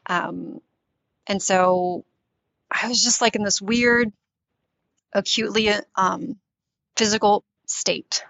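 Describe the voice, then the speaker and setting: A woman's voice: medium pitch, fairly even intonation, takes it slowly, gravelly, pauses often, a bit bright, no room sound. A woman, a literary translator speaking thoughtfully in an interview, often restarting to find the right words. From born in Tunisia, raised in the US. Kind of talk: reflective interview talk. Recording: dull lo-fi dry recording.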